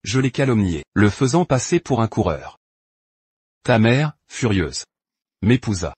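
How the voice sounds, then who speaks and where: An actor playing a proud, vindictive middle-aged duke in a French drama dub, harsh and threatening in manner. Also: male voice, on the low side, very animated, measured pace, darkish tone, slightly rough, no room sound, heavily acted. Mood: confessing.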